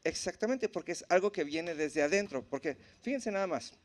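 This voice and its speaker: A man teaching at a church in a relaxed, conversational way, often checking in with the congregation. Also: high voice, brisk. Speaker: preacher.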